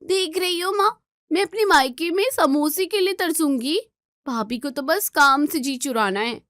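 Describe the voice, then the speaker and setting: A woman's voice: big pitch swings, normal speed, dry recording. A woman voicing a spoiled, bossy married daughter who whines and gives orders. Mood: whiny. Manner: shrill, whiny, commanding.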